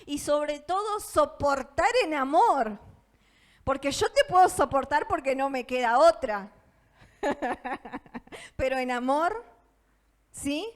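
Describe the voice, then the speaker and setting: A woman's voice: high voice, slow pace, long pauses. A woman pastor with a Rioplatense Spanish accent, preaching a sermon in a church auditorium, earnest and often asking her listeners for agreement. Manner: earnest, asks the audience for agreement, laughs between points.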